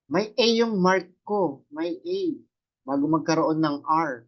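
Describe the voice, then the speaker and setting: Taking it slowly in a slightly high voice, a man walks his class through katakana one step at a time. He frequently checks on his students and tosses them rhetorical questions, and the audio has its highs cut off.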